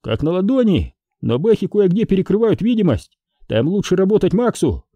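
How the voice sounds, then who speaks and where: A man voicing an eager young male soldier who reports rapidly. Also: sits high, very animated, warm tone, no room sound, dull audio, voice pushed up, exaggerated voice.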